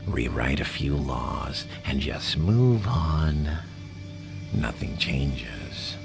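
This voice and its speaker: Very deep, gravelly Joker. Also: male voice, sing-song, over music, full character voice. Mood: bitter, menacing. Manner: drawn-out, breathy, whispering, mocking theatrical delivery. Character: theatrical, menacing male madman crime boss, mocking showman. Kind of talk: ASMR roleplay acting.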